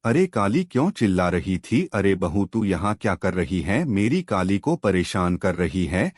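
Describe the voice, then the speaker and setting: A man's voice: deep voice, big pitch swings, a little slow, darkish tone, no echo, studio quality, full character voice. A man voicing a bossy mother-in-law in a cartoon story, who scolds her daughter-in-law and fusses over her cow. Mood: fussing. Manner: scolding and fussing.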